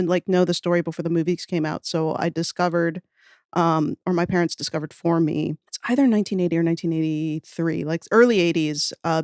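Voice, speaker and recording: An audio fiction writer appears as a podcast guest, chatting casually and reminiscing in an enthusiastic, rambling, self-deprecating way. Her voice is fairly low and a little mellow, captured in a dry, studio-quality recording.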